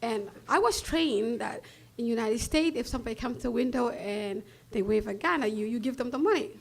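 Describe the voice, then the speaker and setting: A woman from Somalia with a Somali accent, telling a personal story on stage in a blunt, animated way and laughing often between lines. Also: on the high side, brisk, gravelly.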